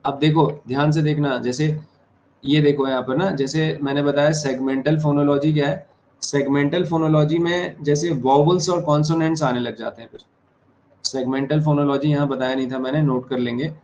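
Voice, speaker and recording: A man teaching an exam-prep class in Hindi and English. He dictates key terms slowly, repeats them and keeps checking that the class understands. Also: on the high side, steady tone, darkish tone, dull audio, a little hiss or hum. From India. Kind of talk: online exam-prep lecture.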